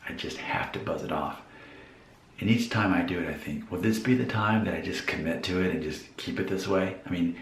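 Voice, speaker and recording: A man's voice: deep voice, roomy sound. A man in his forties thinking aloud to viewers in a casual, musing vlog monologue. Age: 40s. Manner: musing, self-questioning. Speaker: vlogger.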